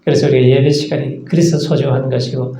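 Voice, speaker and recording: A man's voice: mid-range voice, level tone, quick pace, warm tone. A man preaching a sermon as pastor, earnest, asking rhetorical questions and acting out short asides. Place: church sanctuary. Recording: echoey church sanctuary.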